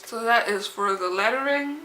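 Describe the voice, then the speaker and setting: Young woman with slightly lisped, bright voice. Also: fairly high pitch, moderate pace, a little hiss or hum. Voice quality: slightly lisped, impeded articulation from a swollen tongue. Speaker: vlogger. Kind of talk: casual vlog chat, rambling. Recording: echoey, roomy sound.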